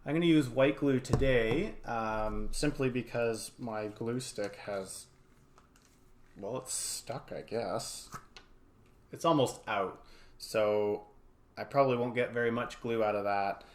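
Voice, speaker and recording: This man speaks slowly at a medium pitch, giving a relaxed craft tutorial one step at a time from his home studio. As an art educator, he wanders a little and tosses in offhand remarks, while the recording picks up clear background noise and small clicks.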